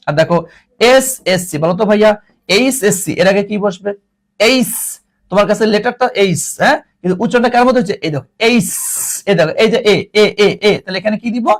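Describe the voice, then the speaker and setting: A man teaching an English grammar lesson to students, mixing English and Bengali with a Bangladeshi Bengali accent and teasing the class. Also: high-pitched.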